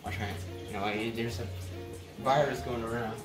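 A man's voice: medium pitch, fairly even intonation, moderate pace. A young man rambling in a goofy, self-deprecating way while he cooks in a home kitchen. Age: young adult. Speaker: vlogger. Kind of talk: casual cooking vlog. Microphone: camera held by someone a few steps away. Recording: echoey kitchen, far from mic, loud music behind.

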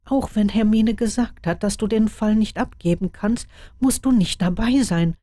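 A woman's voice: medium pitch, moderate pace, mellow, dry recording, studio quality, lightly acted. A woman reading the lines of a caring young male wizard, his partner's concerned companion.

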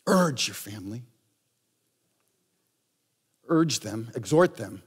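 A man's voice: mid-range voice, animated, takes it slowly, slightly rough. Male pastor preaching in a reverberant hall. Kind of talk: sermon. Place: church sanctuary.

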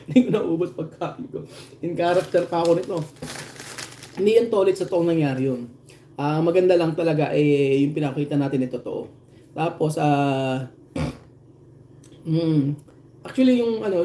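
A Filipino man vlogging, casually retelling a story to his viewers, lively, with laughter and many restarts. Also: a little high, echoey room, a little hiss or hum. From Philippines. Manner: animated retelling, quoting others in raised voices, frequent laughs and restarts.

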